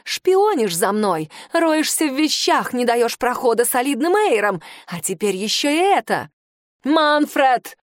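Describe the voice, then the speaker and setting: A woman's voice: a little high, very animated, a little slow, hardly any pauses, no room sound, studio quality. A woman voicing a haughty aristocratic aunt who shrieks with venomous contempt, in an audiobook reading. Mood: commanding rage. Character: furious haughty aristocratic aunt, shrill and scornful.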